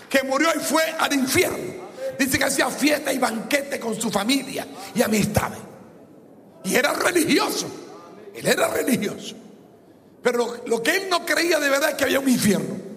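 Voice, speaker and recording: Casting: male pastor, high gravelly voice, fiery sermon, long hall reverb. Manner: impassioned, often shouting. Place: church service.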